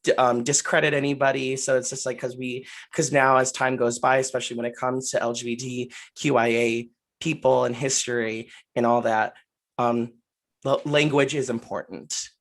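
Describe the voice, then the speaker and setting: A man in his twenties talking on a podcast, halting and restarting often as he gathers his thoughts. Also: medium pitch, level tone. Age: 20s. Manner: halting, many restarts and fillers. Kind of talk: casual podcast chat.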